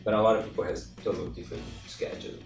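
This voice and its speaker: Interview guest, man, non-native English speaker with a Portuguese first language, hesitant phrasing, recorded far off in a roomy space. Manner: halting, searching for words in a second language. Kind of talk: casual conversational interview. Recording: echoey room from far off, music behind.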